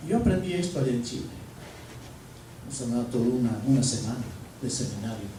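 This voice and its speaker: A man, a pastor, telling a personal story in a sermon and acting out the dialogue. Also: medium pitch. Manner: animated, acts out dialogue. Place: church. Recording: echoey church from a distance, faint noise.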